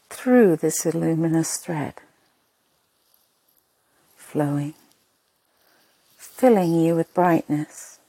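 A woman narrating a sleep meditation in a soft, breathy, husky voice, soothing and hushed, in short spaced phrases. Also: on the low side, dry recording, low-quality recording.

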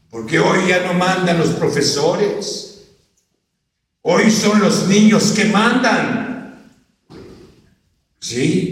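High-voiced preacher in an echoing hall. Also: male voice, fairly bright tone. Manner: emphatic, repeatedly addresses the congregation as brothers. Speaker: pastor. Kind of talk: sermon. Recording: very echoey hall, distant mic.

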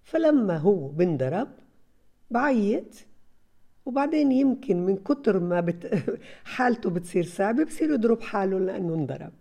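A woman's voice: medium pitch, warm tone, husky. A woman, a parenting advisor giving advice to parents and acting out little scenes as she talks.

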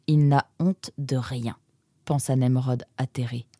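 Une femme narre un conte pour livre audio. Sa voix est basse et chaude, son récit vif et pince-sans-rire. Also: female voice, steady tone, measured pace, dark tone. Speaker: narrator. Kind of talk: scripted audiobook narration.

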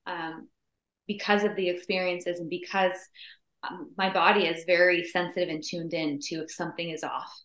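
A woman hosting a podcast interview, talking in a candid, chatty and animated way. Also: lowish voice, normal speed. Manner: chatty, candid and animated, acting out quoted thoughts. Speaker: podcast host. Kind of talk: casual conversational interview. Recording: roomy echo.

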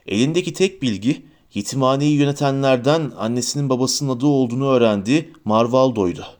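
A man narrating a fantasy novel as an audiobook, with a steady, expressive reading. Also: fairly high pitch.

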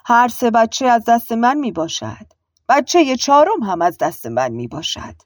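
A woman's voice: fairly high pitch, sing-song, no echo, clean studio sound, pitched above the performer's own voice. A woman voicing a foreign lady doctor who talks in stiff, formal phrases. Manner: stilted formal wording.

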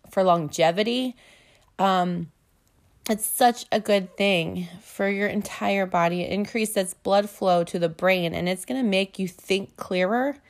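A young woman hosting a casual motivational talk, earnest and chatty, with many fillers and restarts, slightly out of breath. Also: medium pitch. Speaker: host.

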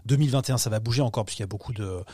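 A man's voice: mid-range voice, very fast, dark tone, breathy edge, no room sound. A man talking about upcoming films in a podcast interview, hesitant, with many fillers and restarts. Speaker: film distribution executive.

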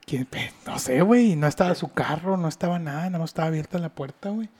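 Hombre mexicano de voz aguda contando anécdota. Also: male voice, fairly high pitch, quick pace, slightly rough. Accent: Mexican Spanish. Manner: animated storyteller, slangy, drops to whispers for suspense. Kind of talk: casual chat, storytelling.

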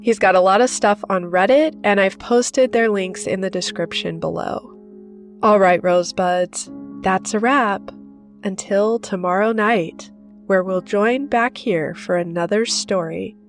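A woman hosting a horror story channel, narrating in a steady, measured storytelling voice. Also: mid-range voice, faint music behind.

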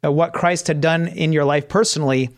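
A man's voice: a little high, steady tone, fairly quick, no echo, clean studio sound. A man hosting a radio interview, asking friendly, leading questions. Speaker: host.

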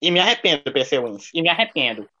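A man speaks a little high, his voice coming over a dull, muffled, lo-fi connection. He is a livestream guest defending himself in a casual debate, circling back and repeating the same phrases. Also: very animated, fast, a crowd in the background.

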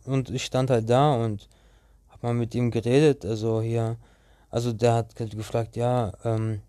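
Slangy young man, dark dry voice. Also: medium pitch, little pitch movement, moderate pace, no echo. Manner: slangy, rambling, many restarts. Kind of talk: casual storytelling.

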